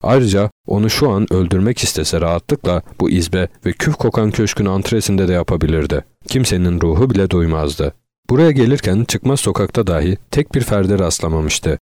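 A man narrating an audiobook in a steady, measured voice. His pitch sits low and deep. The recording is close and completely dry, with no room around it. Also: no room sound. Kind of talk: audiobook reading.

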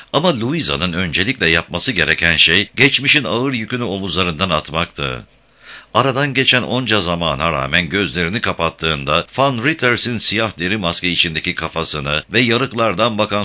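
A man narrating a novel as an audiobook in a measured storytelling delivery. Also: low-pitched, pushed and bright. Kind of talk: scripted narration.

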